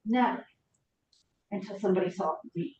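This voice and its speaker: A middle-aged woman speaking through a face mask, her voice muffled, giving a halting, encouraging, informal workshop talk. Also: warm tone. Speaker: ministry trainer leading a teacher training. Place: echoey room, speaking to a group. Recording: muffled, echoey room recording, distant mic, rumble.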